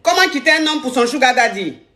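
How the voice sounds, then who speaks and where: A woman's voice: high voice, animated, brisk, sharp tone. A woman hosting a live call-in advice stream, playful and repeating her phrases.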